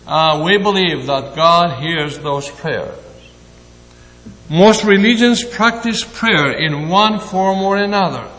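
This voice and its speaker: Preaching with a Greek accent, this older man from Greece has a fairly high, slightly bright voice. He moves through the sermon slowly and deliberately, hesitating often, while a long hall-style reverb fills the recording.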